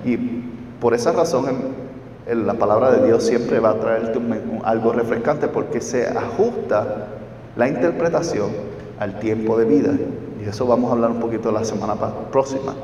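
A man's voice: mid-range voice, normal speed, darkish tone, slight background noise. Man teaching Bible study in echoey hall. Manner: explains step by step, asks listeners questions. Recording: roomy hall, distant mic, dull.

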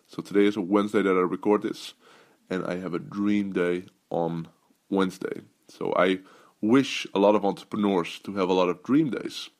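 A Dutch business coach hosts his own podcast solo, talking casually with many fillers and restarts. His voice is deep and creaky.

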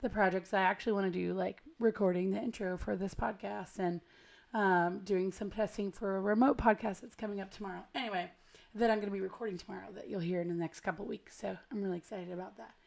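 Female American podcast host, gravelly, smoky and hoarse from a cold, creaky mid-pitched delivery, chatty, self-deprecating and informal. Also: steady tone, fast talker, darkish tone. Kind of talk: casual podcast intro chat. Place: at home.

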